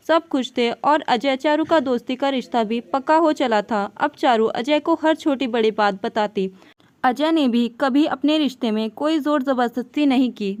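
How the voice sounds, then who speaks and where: A woman reading a scripted moral story in a gentle, even storytelling manner. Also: high-pitched.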